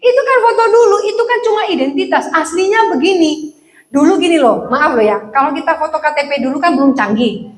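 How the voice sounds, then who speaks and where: A woman pastor preaching a sermon in a church, joking and acting out voices in her stories. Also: high-pitched. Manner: lively, joking, acts out quoted speech. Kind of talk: sermon with anecdotes. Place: church hall. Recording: echoey church hall.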